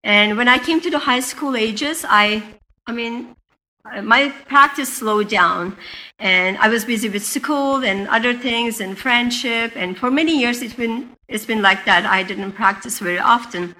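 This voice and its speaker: A woman from Turkey with a Turkish accent, a native Turkish speaker, giving an earnest personal faith testimony in a chapel, halting and restarting as she speaks. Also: on the high side, sharp tone, rough recording. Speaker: guest speaker sharing testimony.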